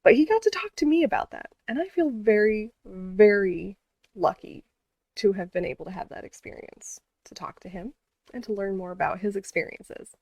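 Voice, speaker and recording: A woman's voice: medium pitch, expressive, normal speed, a little mellow, no room sound. A woman vlogger telling a story in a casual, earnest way, with many fillers and restarts.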